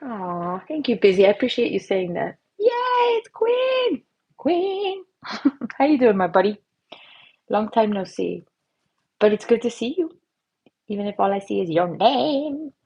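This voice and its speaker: A woman's voice: mid-range voice, creaky, dark tone, slightly rough, highs cut off. A woman hosting a live painting stream, chatting with viewers in a bubbly, giggly way as she paints. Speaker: livestream host and face painter. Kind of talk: casual live-stream chat while painting.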